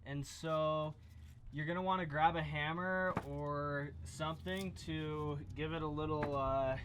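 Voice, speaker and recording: A man's voice: on the high side, unhurried, noisy background. A man casually explaining how to replace van brakes step by step, joking and using lots of fillers. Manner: relaxed, jokey, with many fillers. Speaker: DIY mechanic demonstrating a brake job.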